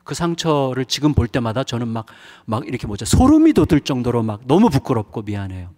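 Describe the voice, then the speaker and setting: Middle-aged pastor guy preaching, confessional and halting, lots of uh's, big church reverb. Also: medium pitch, big pitch swings, dark tone. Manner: confessional, emotional storytelling with many fillers. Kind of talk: revival sermon. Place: church sanctuary.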